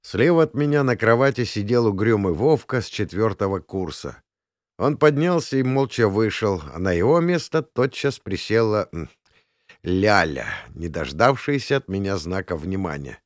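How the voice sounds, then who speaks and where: A man reading a first-person story aloud in a wry, expressive storytelling manner. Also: fairly low pitch, normal speed, no room sound, clean studio sound. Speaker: audiobook narrator. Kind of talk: first-person scripted narration.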